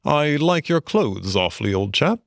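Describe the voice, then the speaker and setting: A man's voice: a little high, big pitch swings, unhurried, creaky, no echo, clean studio sound, pitched above the performer's own voice, full character voice. A man reading a storybook aloud, voicing a genial, dreamy male water rat who speaks solemnly and enthusiastically.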